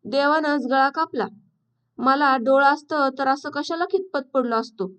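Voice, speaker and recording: A woman's voice: high voice, measured pace, a bit bright. A woman reading as Shari, a sad blind village woman. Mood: sorrowful. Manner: rustic village speech, sorrowful.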